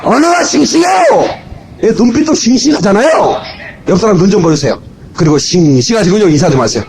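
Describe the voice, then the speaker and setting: A man preaching a lively, humorous sermon as a pastor, shouting his punchlines, recorded on an old cassette in a church full of people. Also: high voice, fast, noisy background. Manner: animated, shouting punchlines, playful asides. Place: church sanctuary. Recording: old cassette tape of a live church service with congregation. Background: congregation laughing and responding.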